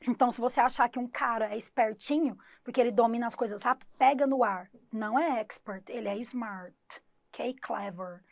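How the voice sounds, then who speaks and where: English teacher lady, kinda high voice with some fry, asks the class questions as she explains, dry sound. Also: moderate pace, no echo. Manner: explains with rhetorical questions and vivid retold examples. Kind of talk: recorded exam-prep class.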